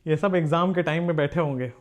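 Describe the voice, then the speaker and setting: A man's voice: on the high side, quick pace. A man teaching chemistry in a live online class. He jokes with the students and calls them "beta". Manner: animated, joking, talks to students as "beta".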